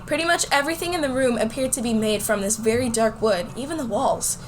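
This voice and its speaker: Narrating her own story as a jittery, confused schoolgirl, a woman switches between first-person telling and acted dialogue for an amateur radio play. She speaks quickly in a high-ish voice, lightly acted, over slight background noise.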